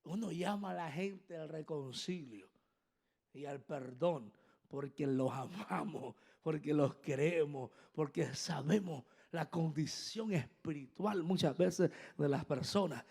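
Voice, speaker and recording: A man preaching a sermon as an apostle. He swings between soft asides and loud, emphatic passages and speaks directly to the congregation, asking them to repeat after him. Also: a little high, gravelly, breathy edge.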